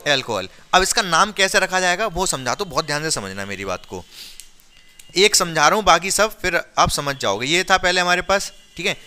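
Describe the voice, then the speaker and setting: A male teacher leads a classroom chemistry lesson with a bright, crisp voice pitched a little high. He walks students through each step, asking questions and checking again and again that they understand. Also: big pitch swings, normal speed. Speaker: science teacher.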